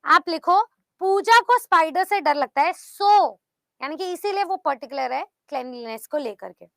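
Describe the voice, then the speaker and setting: A woman's voice: very high voice, expressive, moderate pace, creaky, dry recording. A woman teaching English grammar in an online class, explaining step by step and praising students by name.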